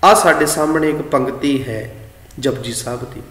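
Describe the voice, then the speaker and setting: A man with a Punjabi accent teaching scripture pronunciation, slow and deliberate, drawing out words and chanting lines in a sung tone. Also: medium pitch, a bit bright. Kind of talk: slow religious teaching talk. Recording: echoey room with long reverb.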